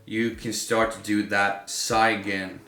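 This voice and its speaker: A man's voice: on the low side, little pitch movement, measured pace, bright, forceful tone. A man giving casual, informal vocal coaching to camera, talking like a working vocalist. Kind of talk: casual instructional talk to camera. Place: room with a home studio setup. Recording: roomy echo, faint music behind.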